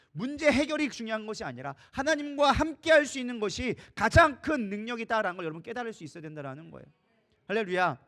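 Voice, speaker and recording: A middle-aged man preaching a sermon as co-senior pastor in a church, questioning the congregation and acting out quoted voices. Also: high-pitched. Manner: animated, acts out God and parents in quoted voices, asks the congregation questions. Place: church sanctuary.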